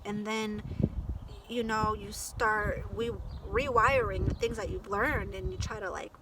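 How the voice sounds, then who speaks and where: A woman's voice: medium pitch, lively intonation, a little slow, creaky, noisy background. A woman talking in a heartfelt personal vlog, gushing and emotional, with many fillers. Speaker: vlogger.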